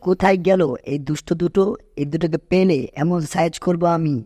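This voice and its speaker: Cartoon dub: a boastful, scheming cat, voiced by a man in a slightly high voice, threatening and groaning, dry close mic. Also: steady tone, fairly quick, warm tone, no room sound, close to an everyday voice. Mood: blustering.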